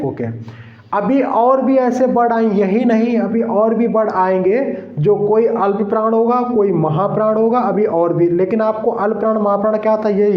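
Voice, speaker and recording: A high-voiced male teacher talks slowly through an exam-prep lesson, stopping often to check that students follow. He repeats key terms and sounds out syllables one at a time. The room is echoey and the sound dull.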